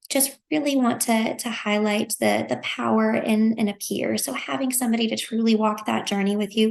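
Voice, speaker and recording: A woman's voice: fairly high pitch, creaky, a little mellow. A woman presenting a conference workshop over a video call, appreciative and full of small restarts. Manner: appreciative, with many fillers and restarts.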